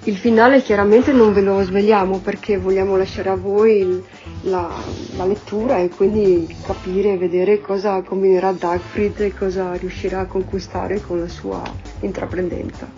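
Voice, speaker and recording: A woman radio host reading a children's storybook aloud in a calm, even voice. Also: medium pitch, moderate pace, faint music behind. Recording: dull lo-fi radio sound.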